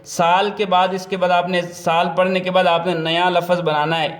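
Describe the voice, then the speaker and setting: A man with a Pakistani accent, his voice sitting high and level, teaches a first-grade reading lesson aimed at parents and tutors. He explains patiently, repeats himself, and slowly sounds out letters, all in a reverberant space.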